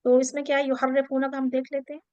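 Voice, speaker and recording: A woman teaching a class, explaining in a steady, explanatory way. She slips English terms into her sentences and often checks in with her listeners. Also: high-pitched, dry recording, lo-fi sound. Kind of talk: interactive class lecture.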